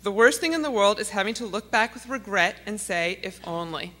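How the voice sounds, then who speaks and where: A woman's voice: mid-range voice, animated, fairly quick, background noise. A middle-aged woman giving an earnest, pleading speech to an audience in a conference hall. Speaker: conference speaker. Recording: long hall reverb.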